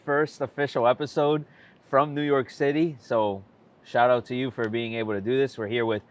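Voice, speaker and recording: A man hosting a podcast, upbeat and welcoming in a casual interview, handing out shout-outs. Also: mid-range voice, fairly even intonation, moderate pace, muffled recording. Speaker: podcast host.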